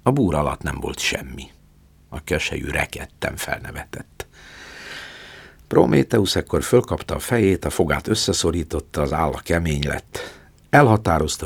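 A man narrating a story dramatically, swinging between loud passages and whispers. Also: a bass voice, creaky, breathy edge, no room sound. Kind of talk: storytelling reading.

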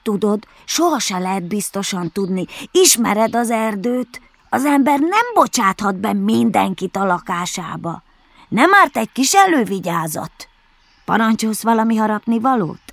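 A woman voicing a fussy, cautious male rabbit who talks in a shrill, clipped, prim way, for a storybook reading. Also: very animated, vocal fry, no room sound. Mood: prim polite.

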